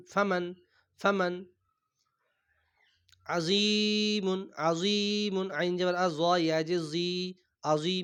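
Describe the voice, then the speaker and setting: A man leads a recitation class, slowly spelling out letters and vowel marks one by one. His voice is smooth and clear and sits a little high. He clears his throat often as he goes. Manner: patient, repeats each syllable slowly. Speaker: Quran teacher.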